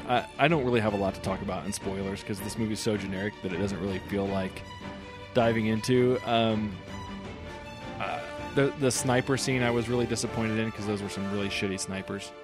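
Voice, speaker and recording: A man co-hosting a casual podcast about movies, enthusiastic and quick to laugh. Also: lowish voice, over music. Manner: enthusiastic, laughs often, restarts sentences. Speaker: podcast co-host.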